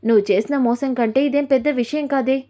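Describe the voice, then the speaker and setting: A woman's voice: high voice, fairly quick, dark tone, close to an everyday voice. A woman voicing a frank young female friend who bluntly reproaches her friend, in a retold serial story. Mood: reproachful.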